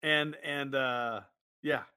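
A man's voice: mid-range voice, steady tone, slow pace, pushed and bright, clean tone, dry recording, clean studio sound. A man co-hosting a casual show, chiming in with joking asides. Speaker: podcast co-host. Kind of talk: casual chat.

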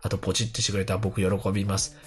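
A man's voice: deep voice, flat delivery, rapid-fire. A man with a congested, nasal voice hosting a casual solo radio talk in a chatty, self-deprecating way. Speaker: radio show host. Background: background music.

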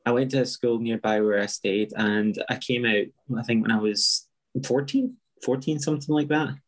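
A man's voice: mid-range voice, normal speed, poor audio. A young Scottish man, a teacher, talking frankly and with self-deprecating humour as an interview guest, often restarting his sentences. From Scotland. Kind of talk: casual interview talk.

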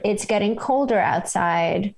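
A woman co-hosting a podcast in relaxed casual chat, often laughing. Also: mid-range voice, measured pace, creaky. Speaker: podcast co-host.

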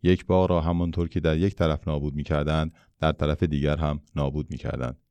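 A man reads a children's storybook aloud in a steady, measured voice. His tone is low, warm and smooth, with a resonant quality. The sound is dry and close to the mic. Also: no room sound. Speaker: narrator. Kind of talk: storybook reading.

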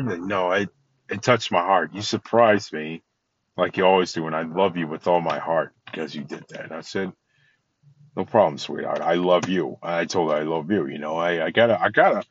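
A man's voice: low voice, fairly bright tone, slightly rough, lo-fi sound. A man hosting a podcast, talking casually and from the heart about love and surprises, rambling with many restarts and sounding tired. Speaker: podcast host. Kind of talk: casual motivational talk.

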